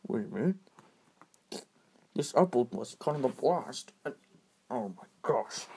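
Husky voice explaining a toy plot. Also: mid-range voice, lively intonation, unhurried, warm tone. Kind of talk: home-made toy story voicing.

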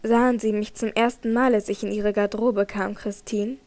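A woman's voice: mid-range voice, flat delivery, moderate pace, darkish tone, lightly acted. A woman voicing a jealous, agitated young male nobleman in an audiobook, heated and accusing. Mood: angry accusing. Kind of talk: audiobook character reading.

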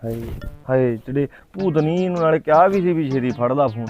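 A man's voice: on the high side, lively intonation, brisk, darkish tone, muffled recording, faint music behind, lightly acted. A young man playing a nervous village youth who stammers and pleads in a panic. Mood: fretting.

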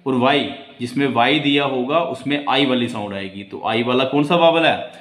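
A man teaching a shorthand class who calls out each word in a high voice, then explains it in a low voice. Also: normal speed, fairly bright tone, reverberant. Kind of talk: classroom lesson.

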